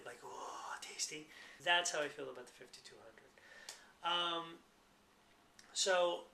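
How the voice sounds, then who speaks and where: A man's voice: mid-range voice, pushed and bright, roomy sound, a little hiss or hum. An American man in his thirties chatting casually to the camera in a rambling, talkative way. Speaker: vlogger.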